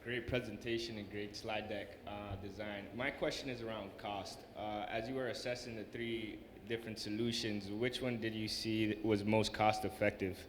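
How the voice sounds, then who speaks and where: A man's voice: lowish voice, flat delivery, moderate pace, few pauses. A man in a conference audience asking a brief, direct question. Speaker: audience member. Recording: echoey reverberant hall, faint noise.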